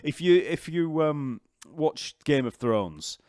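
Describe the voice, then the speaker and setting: A man with a Yorkshire accent hosting a casual live-stream Q&A, chatty and rambling and quick to laugh. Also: fairly high pitch, animated, darkish tone, dry recording, clean studio sound. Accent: Yorkshire English. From Yorkshire, England. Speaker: bass teacher and channel host. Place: home, near an island festival site.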